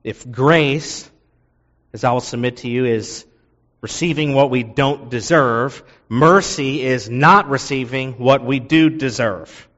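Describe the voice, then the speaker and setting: A man's voice: mid-range voice, slow, fairly bright tone, long reverb tail, dull audio. A man preaching an earnest sermon, explaining a passage and repeating key phrases for emphasis. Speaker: pastor.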